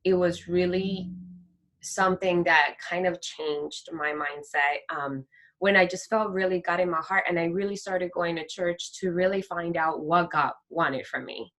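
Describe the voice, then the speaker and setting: A woman talking as an interview guest about her faith, animated and heartfelt, often acting out the voices she quotes. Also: on the low side, measured pace. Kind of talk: heartfelt faith testimony in conversation.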